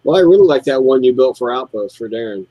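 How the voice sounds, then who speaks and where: Building models as they talk, a middle-aged American co-host animatedly tells shop stories and does impressions of his customers. He's a fast talker with a medium pitch, captured in a dry, muffled recording.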